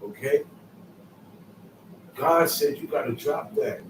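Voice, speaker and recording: A man's voice: fairly high pitch, slow pace, slight background noise. A man giving a Sabbath scripture lesson, emphatic and repetitive, in casual street phrasing. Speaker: Bible teacher. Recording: echoey room, mic far off, faint ambience.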